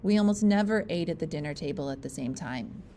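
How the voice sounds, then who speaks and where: A woman reading a graphic memoir aloud in a lively storybook manner. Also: sits low, a little fast, slight background noise. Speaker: reader.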